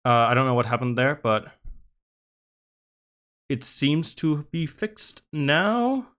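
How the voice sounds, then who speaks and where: A man commentating a live-streamed game match, slightly out of breath, talking in halting bursts with many restarts and asides to his chat. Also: mid-range voice, big pitch swings, a bit bright. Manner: halting, many restarts and laughs, chats with viewers. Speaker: esports commentator.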